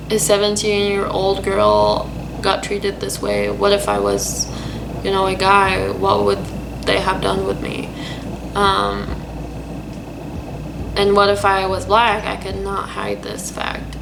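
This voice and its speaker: A young woman from Lebanon earnestly telling a personal story in a vlog, pausing often with hesitant fillers. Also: mid-range voice, gravelly, noisy background. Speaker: vlogger. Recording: music playing behind.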